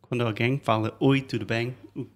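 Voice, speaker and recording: Medium in pitch and steady in tone, a native English-speaking man talks at a normal speed while co-hosting an English lesson. He patiently models phrases for learners in this bilingual chat, with "perfect" coming up often.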